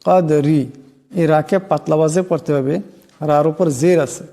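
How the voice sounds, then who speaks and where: A man teaching how to pronounce a Quran chapter, slowly explaining each letter's rules and chanting the verses drawn out. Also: on the high side, fairly even intonation, dark tone, long reverb tail. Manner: slow, deliberate, spells out sounds letter by letter and chants verses drawn out. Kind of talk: slow teaching of recitation and pronunciation.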